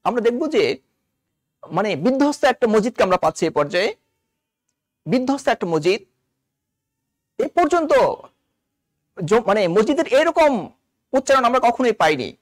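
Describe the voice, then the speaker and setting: High-voiced Bangladeshi lecturer, lively. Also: male voice, moderate pace, long pauses, dry recording, studio quality. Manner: explains each phrase, quoting characters in dialect. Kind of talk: classroom literature lecture.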